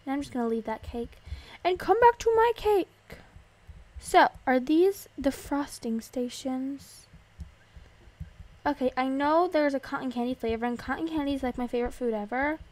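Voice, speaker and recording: A young woman giving casual, excitable commentary as she plays a video game, gasping and squealing at surprises. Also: high voice, normal speed. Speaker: gaming video host.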